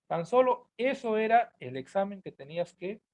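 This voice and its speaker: A man's voice: high-pitched, expressive, normal speed, darkish tone. A man teaching programming in a recorded lesson, explaining patiently and repeating key points, answering his own questions. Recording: dull lo-fi audio.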